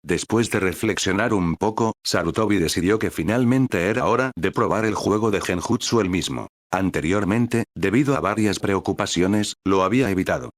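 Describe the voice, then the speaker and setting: Deep-voiced man narrating a story. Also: normal speed, hardly any pauses, no echo.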